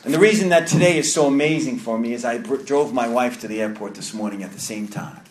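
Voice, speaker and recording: Talking fast in a mid-range voice, this New York–accented man in his thirties shares earnest testimony at a recovery meeting. The meeting room is reverberant, and he keeps repeating and restarting his phrases.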